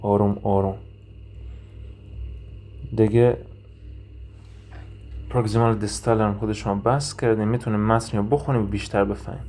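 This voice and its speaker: A man teaching an anatomy lesson, explaining each term step by step, asking and answering his own questions and thinking aloud with pauses. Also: on the low side, steady tone, dark tone. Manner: thinks aloud with frequent hesitation sounds. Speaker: anatomy instructor. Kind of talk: recorded lecture with drawing and reading.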